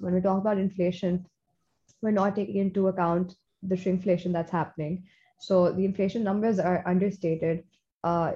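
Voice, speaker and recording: A woman's voice: on the low side, warm tone. A woman with a Pakistani accent in a conversational discussion, speaking English with the odd Hindi-Urdu word. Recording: dull, lo-fi audio.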